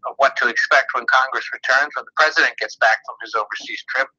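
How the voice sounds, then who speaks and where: A man speaking over the phone as a politics reporter, explaining at a measured pace with frequent filler pauses. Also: medium pitch, sharp tone, breathy edge. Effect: heard over the phone. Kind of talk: phone interview. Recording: muffled phone line.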